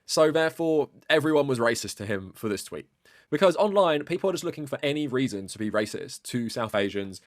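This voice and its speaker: A man narrating a commentary video in a steady, explanatory way. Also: medium pitch, a little fast, no room sound, studio quality. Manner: steady, explanatory, many "like" fillers. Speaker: video essay creator.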